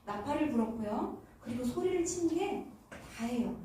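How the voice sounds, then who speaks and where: High-voiced woman telling children a Bible story. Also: normal speed, slight background noise. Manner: animated, asks the children questions. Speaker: children's Sunday school teacher. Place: church hall. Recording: echoey room from far off.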